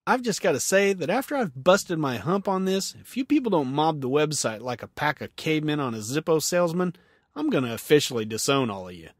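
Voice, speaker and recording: Man, podcast host, self-mocking humor, animated pitch, dry close sound. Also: brisk, no echo. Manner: jokey, self-mocking, laughs often. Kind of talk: solo podcast monologue.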